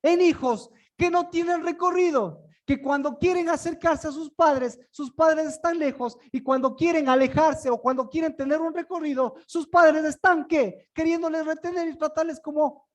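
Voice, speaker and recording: High-voiced male preacher, questions the room constantly, stumbles and repeats words. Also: steady tone, normal speed. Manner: asks the room many rhetorical questions; repeats and restarts words often. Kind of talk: sermon-style Bible teaching.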